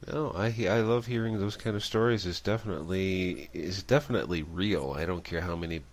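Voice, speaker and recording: A man hosting a radio talk show, chatting with a guest and telling a joke with lively delivery. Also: sits low, fairly quick. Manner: animated storyteller, raises voice for quoted characters. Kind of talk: casual interview, telling a joke.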